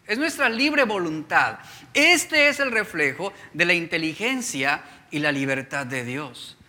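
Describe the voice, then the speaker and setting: A man's voice: fairly high pitch, big pitch swings, unhurried, bright, forceful tone. A male pastor preaching a sermon, asking the congregation rhetorical questions as he reads and explains scripture.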